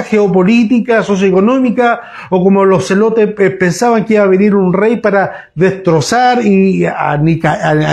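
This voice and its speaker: Male pastor, high voice, sermon delivered as chatty storytelling, stumbles and restarts often. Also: a little mellow. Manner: conversational storytelling preaching with many restarts. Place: church.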